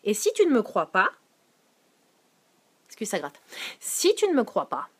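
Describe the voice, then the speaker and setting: Lively Quebec French woman preaching. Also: unhurried, slightly rough. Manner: animated, switching to soft low tones for scripture; reads out and answers viewers' comments. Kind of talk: informal live-stream sermon.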